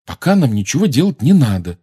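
A man voicing a calm, soothing teenage boy. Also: medium pitch, a little fast, breathy edge, voice pushed up. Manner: quiet, soothing. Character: calm teenage schoolboy, reassuring.

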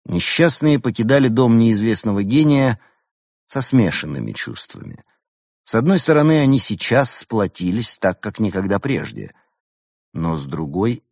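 A man narrating an audiobook in an expressive storytelling manner. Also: low-pitched, gravelly, no echo, clean studio sound.

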